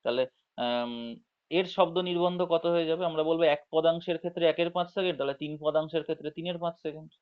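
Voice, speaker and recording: A man teaches an online class with a slightly raised voice, going over points slowly and checking in with his students again and again. He stretches example words out syllable by syllable. The audio is dull and lo-fi, as from a computer mic. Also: fairly high pitch, steady tone. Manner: explains slowly, checks understanding with frequent tag questions; drawls words out syllable by syllable when demonstrating.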